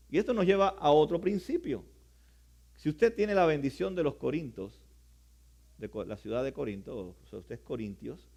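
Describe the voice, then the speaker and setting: A middle-aged man preaching a sermon as pastor, earnest, with quiet asides. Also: high-pitched.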